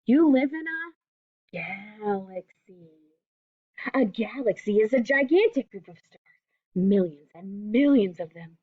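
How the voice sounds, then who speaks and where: A woman with a somewhat high voice reads a children's book slowly and expressively, leaving long pauses and offering simple, teacherly asides for young listeners. The audio is echo-free but narrow and tinny.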